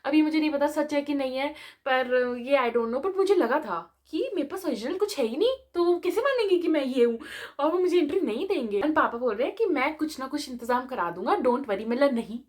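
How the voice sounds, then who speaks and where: A woman's voice: sits high, lively intonation, fairly quick, darkish tone. A young woman telling a storytime vlog in casual chat, mixing Hindi and English. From India. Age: young adult. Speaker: vlogger, medical student.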